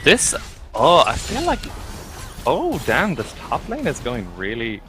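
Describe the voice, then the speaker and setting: A man's voice: on the high side, huge pitch swings, a little slow, music in the background. A man with a west of Ireland accent giving casual, chatty game commentary with joking banter as an esports co-caster.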